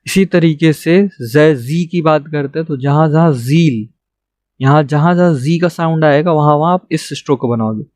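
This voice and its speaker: A man's voice: fairly high pitch, moderate pace, a little mellow, dry recording, studio quality. A young man patiently teaching a shorthand lesson, checking in with "theek hai" after each point. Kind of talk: classroom lesson.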